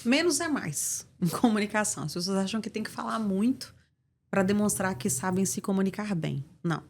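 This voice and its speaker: A woman's voice: mid-range voice, animated, normal speed, slight background noise. A middle-aged woman from Brazil with a Brazilian Portuguese accent, an interview guest and communication mentor explaining with emphatic examples. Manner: assertive, didactic, emphatic delivery.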